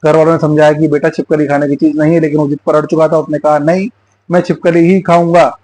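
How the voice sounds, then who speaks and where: A man's voice: a little high, completely flat delivery, racing, a little mellow, no room sound, low-quality recording. A man hosting his own channel, giving political commentary through an emphatic, repetitive folk tale. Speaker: YouTube channel host.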